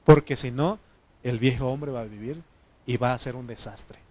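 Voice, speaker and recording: A man preaching a conversational sermon, speaking informally with filler pauses and frequent amens to his congregation. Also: mid-range voice, darkish tone.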